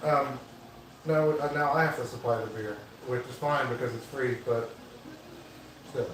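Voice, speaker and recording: A man's voice: mid-range voice, unhurried, far from the mic. A man in casual livestream chat with his bandmates, joking and bantering about beer. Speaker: band member. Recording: roomy echo, off-mic, faint noise.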